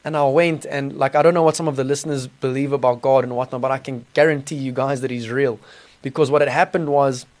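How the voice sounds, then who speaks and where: In a small studio, a podcast guest with a South African accent tells his testimony earnestly and informally, using slang as he chats. He speaks fast in a steady, medium-pitched voice.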